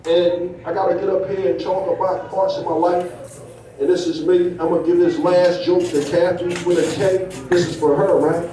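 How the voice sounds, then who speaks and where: A man's voice: sits high, little pitch movement, normal speed, dark tone. A male stand-up comedian telling a profane story to a club crowd, tagging his lines with "right?". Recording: echoey room, mic from a distance.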